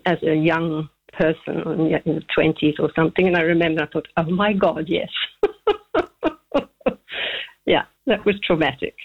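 A woman's voice: fairly low pitch, creaky, breathy edge. A woman in her seventies from Zambia, calling in to a radio show and telling a childhood memory with frequent laughter. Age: 70s. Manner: chatty, laughing often, rambling memories. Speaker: caller. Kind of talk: phone-in chat. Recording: tinny phone line.

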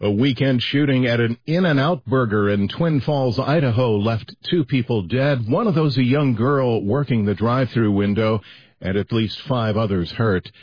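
A man reading the news in a measured, even anchor delivery, heard as a broadcast taped off the radio. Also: medium pitch, husky, no echo. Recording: dull radio broadcast with faint music.

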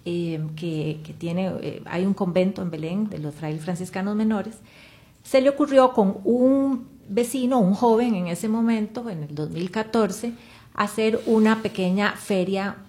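Woman, radio guest, conversational, speeds up in bursts, mid pitch. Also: a little slow, mellow. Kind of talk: interview answers.

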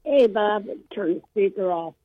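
A caller on a radio show, heard over the phone, who talks in a halting way and often repeats and restarts words. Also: medium pitch, expressive. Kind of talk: call-in radio chat. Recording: tinny phone line, dry.

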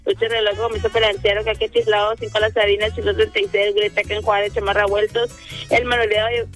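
A woman's voice: mid-range voice, level tone, fast, fairly bright tone, faint music behind. A woman, phoning into a radio show and cheerfully reeling off long lists of names. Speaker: caller. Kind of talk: phone call to a radio show.

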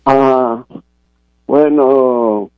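A man's voice: medium pitch, steady tone, smooth, no room sound. Hesitant Guatemalan man on a phone line. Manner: hesitant, halting. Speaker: caller. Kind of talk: phone-in question.

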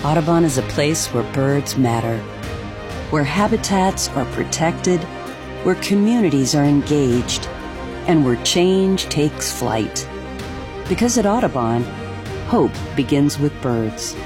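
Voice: medium pitch, expressive, slow pace, music in the background. A commercial narrator reading a scripted nonprofit advert.

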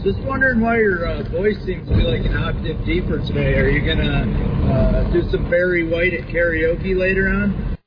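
A man's voice: a little high, expressive, normal speed. A man from New York state calling a radio show with casual, joking chat. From New York state, United States. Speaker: radio call-in listener. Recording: muffled call, loud engine noise.

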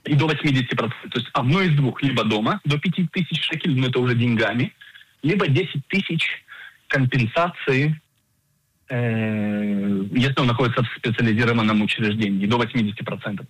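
Insurance agent guest, man in his forties, husky voice, dry close sound, measured explainer who hesitates often. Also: medium pitch, no echo, poor audio. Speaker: insurance agent and financial planner. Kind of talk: radio interview, explaining insurance.

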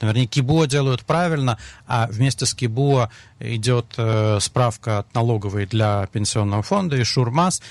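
A man answers listeners' questions on air, laying out his advice carefully and slipping in the occasional dry joke. His voice sits at a middle pitch and sounds close and dry. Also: creaky, no room sound. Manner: measured, explanatory, dry humor. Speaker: financial advisor. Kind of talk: radio advice answering callers.

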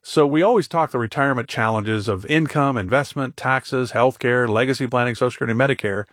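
A man hosting a radio talk show, asking his guest upbeat rapid questions and reading out a phone number. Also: mid-range voice, fairly bright tone, no room sound, studio quality.

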